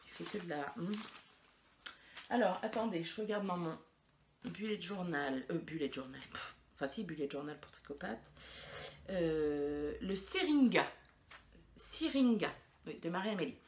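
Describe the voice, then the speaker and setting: A woman hosting a knitting podcast, chatting casually and rambling with many fillers and restarts. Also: fairly low pitch. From France. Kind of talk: casual chat to camera.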